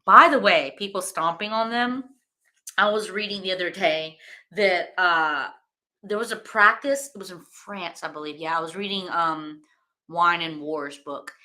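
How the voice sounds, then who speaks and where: A woman hosts a casual wine-tasting stream, chatting in a loose, rambling way with plenty of fillers. Her voice sits a little low yet sounds bright and edged. She speaks with easy enthusiasm. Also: measured pace. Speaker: wine-tasting livestream host.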